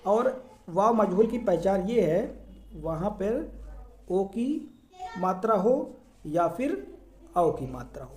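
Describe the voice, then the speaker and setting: A man's voice: sits high, animated, slow pace, pauses often, a little mellow. A man teaching an exam-prep grammar lesson, explaining step by step, asking and answering his own questions and often checking that students follow. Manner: repeats key terms and checks understanding.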